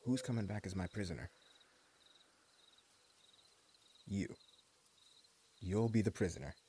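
Against faint crickets and night ambience, a voice actor brings to life a menacing, smug, cruel post-apocalyptic gang boss in an audio roleplay. His deep, gravelly drawl is warm in tone, lively and a little fast, mock-friendly as he taunts his captives.

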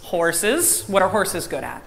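A woman giving a children's message in a church service, asking the kids lively questions and echoing back their answers. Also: fairly low pitch, slow pace, vocal fry. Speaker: director of faith formation giving a children's message. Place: church sanctuary with a choir. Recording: long church reverb, faint room noise.

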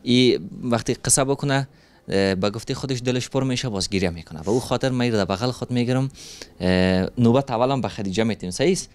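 A man talks to children on the street in a soft, coaxing way. He soothes and encourages them, and his voice sits at an ordinary middle pitch. He asks questions patiently and keeps reassuring them. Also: smooth. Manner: gentle, coaxing, soothing, full of endearments. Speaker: charity vlogger interviewing working street children. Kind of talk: street interview. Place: street outdoors.

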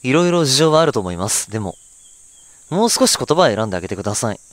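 A man's voice: medium pitch, sing-song, fast, no echo, close to an everyday voice. A man voicing a kind, polite young woman heroine while reading game dialogue aloud. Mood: gentle.

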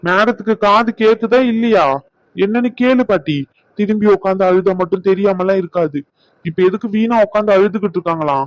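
A man's voice: sits high, a little fast, dry recording, lightly acted. A man voicing an exasperated young husband, a doctor, who pleads and complains to his grandmother about his wife. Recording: dull lo-fi.

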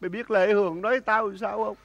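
A man's voice: high-pitched, fairly even intonation, fairly quick, vocal fry, fairly bright tone. A man playing out a comedy sketch, wailing and lamenting in an overdone way. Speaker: comic actor. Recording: music playing behind the voice.

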